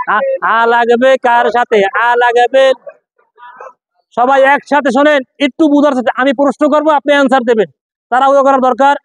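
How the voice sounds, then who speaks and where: High-voiced man drilling a reading class. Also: no echo, low-quality recording. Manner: drills spelling by call and response, asks questions and answers himself. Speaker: Quran reading teacher. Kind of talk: classroom lesson.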